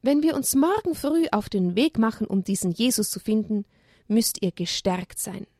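A woman voicing a caring mother donkey who gently scolds her young. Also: mid-range voice, normal speed, no echo, clean studio sound, close to an everyday voice. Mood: firm.

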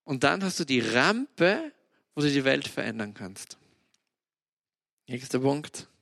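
A man gives a casual devotional podcast talk, telling lively stories and dropping in English exclamations. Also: medium pitch, takes it slowly, vocal fry, dry recording, clean studio sound. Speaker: podcast host.

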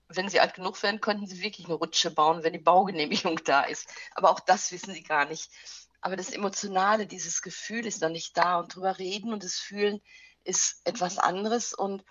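Husky-voiced woman grief counselor. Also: medium pitch, no echo, muffled recording. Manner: calm, explains with vivid child anecdotes and images. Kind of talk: interview answers, storytelling with examples.

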